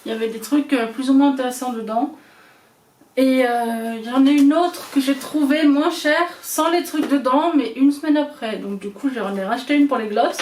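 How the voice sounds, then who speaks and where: A woman's voice: high-pitched, moderate pace, a little mellow, recorded from a distance. A woman with an Alsatian accent chatting casually as a beauty vlogger, hesitating often with fillers, in a small room at home. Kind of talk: casual chat showing makeup. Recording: roomy echo, away from the mic, noisy.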